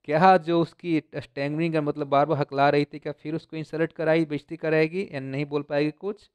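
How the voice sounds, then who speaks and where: Male tutor with a smooth, clear voice and a slightly high pitch, reading text deliberately, then explaining casually. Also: little pitch movement, dry recording. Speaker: teacher explaining a textbook story. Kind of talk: line-by-line lesson, reading English text slowly then explaining in Hindi.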